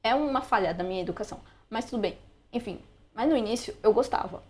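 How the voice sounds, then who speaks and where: A woman's voice: a little high, lively intonation, fast talker, darkish tone. A young woman with a Brazilian Portuguese accent, chatting casually as she walks through a screen-recorded lesson with frequent asides. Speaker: language learner sharing study tips.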